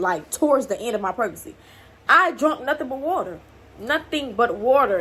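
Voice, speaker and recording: A woman's voice: fairly high pitch, pushed and bright, a little hiss or hum. A young woman vlogger casually telling a long personal story to camera, rambling and acting out quoted dialogue, with speech patterns.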